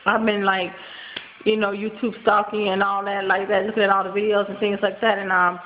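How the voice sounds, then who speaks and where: Sitting close to her webcam's built-in mic in a small home room, a vlogger in her thirties talks fast, with a flat delivery and medium pitch. She sounds nasal, tired and stuffed up from a cold, rambling casually with plenty of ums and likes, and the audio is dull, lo-fi and faintly hissy.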